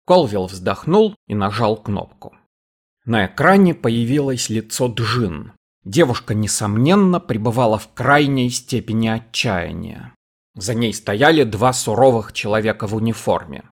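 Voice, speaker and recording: A man's voice: lowish voice, expressive, measured pace. Man reading an audiobook. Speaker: audiobook reader. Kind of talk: scripted narration.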